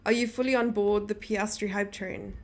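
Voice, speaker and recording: A woman's voice: mid-range voice, fairly even intonation, moderate pace, darkish tone. A young woman streaming, chatting casually and teasing her viewers as she reads their messages aloud. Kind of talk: casual live-stream chat.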